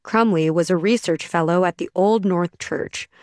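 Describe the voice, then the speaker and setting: A woman reporter narrating a radio feature story in a steady, measured way. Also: fairly low pitch, no echo.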